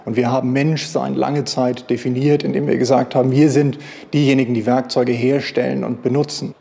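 A man's voice: medium pitch, little pitch movement, fairly quick, gravelly, warm tone. A man in his thirties explaining as a scientist in an indoor interview. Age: 30s. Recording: reverberant indoor room.

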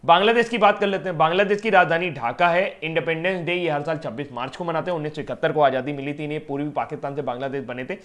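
A man's voice: a little high, very fast, few pauses, fairly bright tone. A man teaching current affairs for government exams in a casual, chatty way, joking with and addressing his students directly. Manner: chatty, teasing, addresses students as yaar and beta. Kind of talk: casual Hindi lecture to students.

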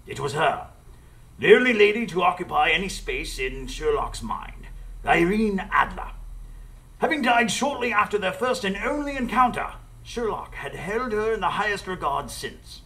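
A man playing an earnest older gentleman doctor who narrates a live radio drama in the first person. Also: high voice, sing-song, moderate pace, full character voice, poor audio. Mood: grave narration. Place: live stage before an audience.

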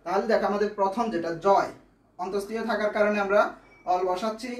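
A man's voice: high-pitched, steady tone, fast talker, roomy sound. A man teaching grammar, explaining step by step and answering his own questions. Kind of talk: classroom lesson.

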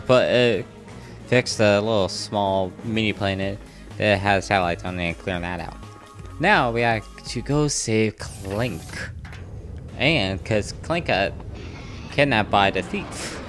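A young man with a lowish voice hosts a let's-play on his gaming channel, chatting in a rambling, casual way and talking back to the enemies on screen. He's at home in a room beside a neighbor's bedroom, so he holds his naturally loud voice down to a murmur, with faint game music in the background.

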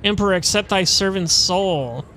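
A man's voice: sits high, normal speed, sharp tone, a little hiss or hum, low-quality recording. A man voicing a stern, solemn chaplain in a video game, speaking formally.

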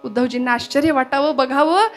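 A woman's voice: high voice, brisk, faint music behind. A woman preacher delivering a devotional kirtan sermon, telling stories with emotion, asking rhetorical questions and quoting verses.

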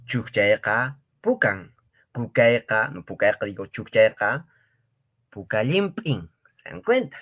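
A man's voice: lowish voice, expressive, fairly bright tone. A man teaching a Quechua lesson, patiently repeating each word and checking in with his students. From Peru. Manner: patient, repeats words slowly, often asks "¿ya?" and "¿no ve?". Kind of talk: online language lesson.

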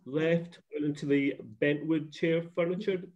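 A man's voice: a little high, steady tone, measured pace, darkish tone. Chatty man on a muffled call. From Scotland. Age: middle-aged. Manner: chatty, rambling with restarts. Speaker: guest. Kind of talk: casual video call interview. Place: home office. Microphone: laptop webcam video call. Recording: muffled video call audio.

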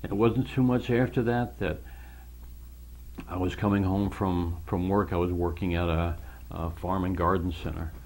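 A man tells the story of his conversion in an earnest, emotional way, acting out the conversations he remembers. His voice sits fairly low and sounds husky, and at times he sinks into a near whisper. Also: steady tone, moderate pace. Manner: earnest, emotional, quotes others in dialogue; voice drops to soft whispers at moments. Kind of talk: personal testimony, storytelling.

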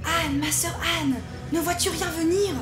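A woman's voice: high-pitched, moderate pace, voice pushed up, natural voice. A woman voicing a terrified young wife who pleads and cries out for help in a storybook reading. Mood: pleading. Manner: pleading, frightened. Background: music.

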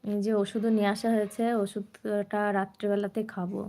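A woman's voice: mid-range voice, level tone, fairly quick, warm tone. A young woman from West Bengal with a sore throat, chatting casually on a live stream and greeting viewers by name. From West Bengal, India.

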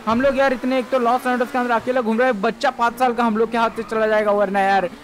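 A man's voice: very high-pitched, flat delivery, quick pace, a little hiss or hum. Man playing an anxious rambling young man. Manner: worried, rambling.

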